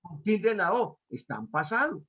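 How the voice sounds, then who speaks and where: A man with a high voice teaches a Bible study as pastor, stopping often to ask his students questions about grammar. The recording sounds dull and lo-fi. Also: sing-song, moderate pace, breathy edge. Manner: didactic, quizzes listeners on verb tenses.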